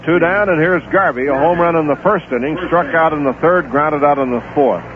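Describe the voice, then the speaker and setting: Heard through a tinny 1970s AM broadcast with slight hiss or hum, a man does live radio play-by-play of a baseball game. He keeps an even, unhurried pace and fills the pauses between pitches with player notes and statistics.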